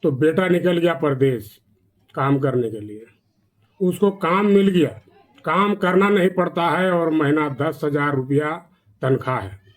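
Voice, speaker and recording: A male storyteller, telling a village folk tale in a plain, earnest way. His voice sits slightly high for a man. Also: unhurried.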